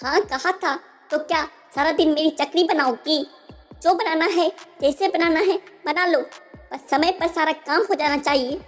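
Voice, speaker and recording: A woman's voice: high voice, a little slow. A woman voicing a stern, controlling middle-aged mother-in-law who talks in a scolding, commanding way. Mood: exasperated. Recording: soft music underneath.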